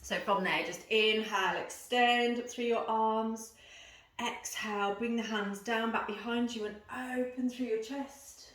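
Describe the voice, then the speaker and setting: A woman's voice: a little high, steady tone, measured pace, few pauses, a bit bright. A woman guiding a yoga and breathing lesson, giving informal step-by-step instructions and explanations to the camera. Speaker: yoga teacher. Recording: roomy echo, voice at some distance.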